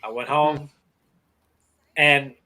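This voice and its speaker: Bright-voiced man telling a story. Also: on the high side, drawn-out words. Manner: animated, acts out voices in his story. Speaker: podcast co-host. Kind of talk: casual chat, storytelling.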